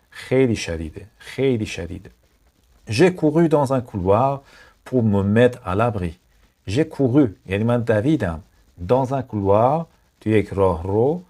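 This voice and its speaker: A Persian-speaking man teaching French from a news article. He reads each sentence slowly, then explains it, and asks his viewers questions. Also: on the low side, mellow. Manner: addresses viewers as kids, asks them questions.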